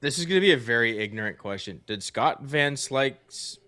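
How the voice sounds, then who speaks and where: A man's voice: mid-range voice, lively intonation, normal speed, bright, forceful tone. A man co-hosting a sports podcast, laid-back and self-deprecating. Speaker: podcast co-host. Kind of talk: casual chat.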